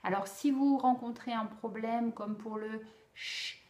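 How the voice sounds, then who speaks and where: A woman explaining how to teach a speech sound to children, slow and deliberate, with frequent pauses and fillers. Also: a little high, steady tone, a little mellow. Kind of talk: instructional explanation for parents. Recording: echoey room.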